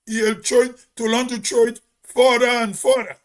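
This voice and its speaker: A man's voice: very high-pitched, flat delivery, moderate pace. A Grenadian man giving a spoken commentary in an emphatic, preachy way, as if on radio.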